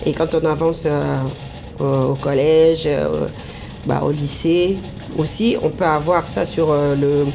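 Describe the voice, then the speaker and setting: A Congolese woman from the DRC, a business owner in humanitarian work, answers as a guest on a TV interview in a hesitant, casual way packed with fillers. Her low, gravelly voice keeps a steady tone at a measured pace. The interview recording is noisy.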